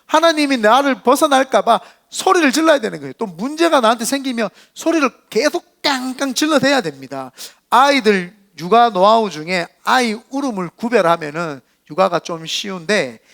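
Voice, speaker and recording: High, animated male pastor preaching. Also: gravelly. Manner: lively, conversational preaching with playful asides. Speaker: senior pastor. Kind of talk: Sunday sermon.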